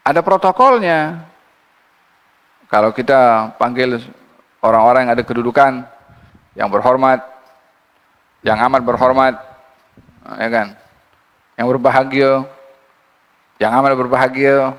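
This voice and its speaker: A man giving a Quran commentary lecture, reciting verses slowly and then explaining them in a lively teaching voice. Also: mid-range voice. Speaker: religious teacher. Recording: long hall reverb.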